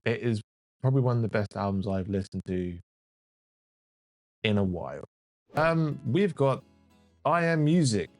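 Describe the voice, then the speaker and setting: A man's voice: on the low side, expressive, unhurried, long pauses, no echo, studio quality. A man reviewing music as a reaction host, blunt and full of swearing and exasperated outbursts. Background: faint music playing.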